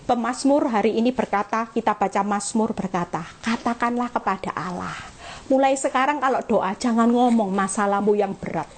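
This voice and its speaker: A middle-aged woman evangelist preaches to her congregation over a phone live stream. Her fairly high voice stays fervent and coaxing, and she talks straight to her listeners. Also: moderate pace. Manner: fervent, coaxing, acts out prayers in a high whiny voice. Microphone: phone on live social video.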